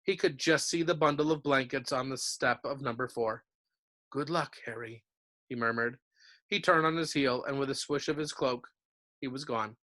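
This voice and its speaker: Bright-voiced man reading aloud. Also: mid-range voice, moderate pace. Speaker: teacher reading to his class.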